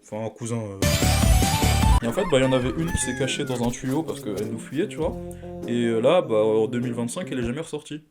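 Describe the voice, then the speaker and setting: A man's voice: medium pitch, huge pitch swings, fast talker. A young man with Malagasy roots doing a punchy, self-mocking comedy monologue. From Madagascar heritage. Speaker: comedy YouTuber. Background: background music.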